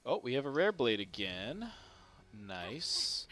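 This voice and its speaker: A man's voice: on the low side, animated, a little slow. A man giving casual, wry running commentary while streaming a video game, reacting aloud to each result.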